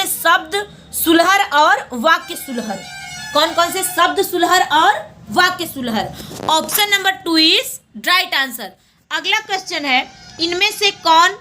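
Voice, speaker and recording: A woman teaching a Hindi exam lesson, going through questions and repeating each answer back as a quick question and reply. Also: very high-pitched, sharp tone, a little hiss or hum.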